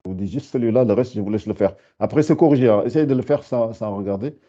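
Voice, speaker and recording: Slow patient guy teaching a lesson, lowish voice, muffled lo-fi recording. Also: warm tone. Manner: patient, repeats and spells out words slowly. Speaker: Arabic teacher. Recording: dull lo-fi sound.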